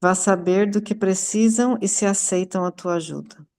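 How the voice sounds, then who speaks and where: A woman reading the lines of an old village priest's spirit in a slow, plain voice. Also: mid-range voice, a little mellow, close to an everyday voice. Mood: gently reproachful.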